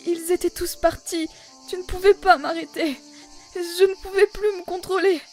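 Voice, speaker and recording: A woman voicing a frightened, gentle young goat-monster boy in a fan dub, trembling, halting and tearful. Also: extremely high pitch, fairly even intonation. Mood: anguished. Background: music.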